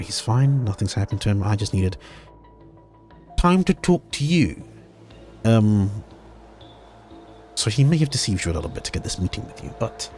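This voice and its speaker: Man voicing a poised corporate power broker woman. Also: on the low side. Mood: reassuring. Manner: smooth, polite, quietly assured.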